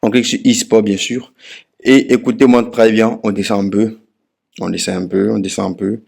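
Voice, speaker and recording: A man from Ivory Coast with an Ivorian French accent, talking viewers through a tutorial one step at a time. His lowish voice has a gravelly, creaky edge, and he keeps repeating key phrases to drive them home. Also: level tone, moderate pace, darkish tone. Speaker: betting tips YouTuber. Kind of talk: casual screen-walkthrough tutorial.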